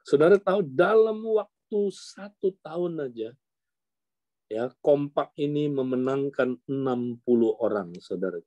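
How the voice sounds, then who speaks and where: A man preaching, telling a story in a lively way and calling on his listeners again and again. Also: medium pitch, dry recording. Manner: animated, addresses listeners as "saudara" constantly. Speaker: pastor. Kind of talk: sermon storytelling.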